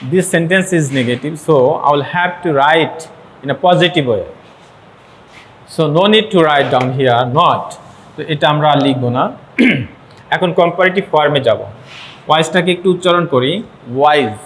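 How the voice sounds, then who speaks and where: A man's voice: a little high, fairly bright tone, a little hiss or hum. Man teaching an English grammar class. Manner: repeats words slowly to model pronunciation; mixes English phrases into explanations. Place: classroom with students.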